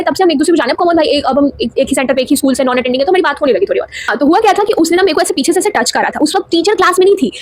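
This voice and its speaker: Teenage woman, vlogger, high voice, very fast, animated code-mixed storytelling, casual chat. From India. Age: teens. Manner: rapid, animated storytelling with frequent Hindi-English code-mixing.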